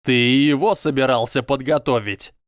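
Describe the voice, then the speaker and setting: A man voicing a proud young boy wizard who shouts and chokes with rage. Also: mid-range voice, steady tone, normal speed, no echo, clean studio sound, voice pushed up, natural voice. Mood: seething.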